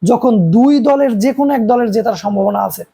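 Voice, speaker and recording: Gravelly-voiced man teaching physics. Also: very high-pitched, fast talker, warm tone. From Bangladesh. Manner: explains step by step with everyday examples and rhetorical questions. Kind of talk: recorded classroom lecture.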